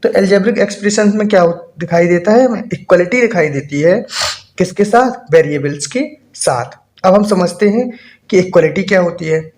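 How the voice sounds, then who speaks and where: A man's voice: sits high, animated, moderate pace, a little mellow. A man teaching a maths lesson in Hindi-accented speech, often asking the class a question and then answering it himself. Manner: asks rhetorical questions and answers them himself.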